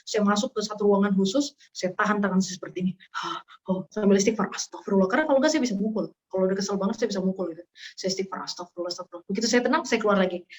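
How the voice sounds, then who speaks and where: A young woman giving a casual religious talk as a guest speaker, telling lively stories and acting out scenes with sound effects. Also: on the high side, lo-fi sound.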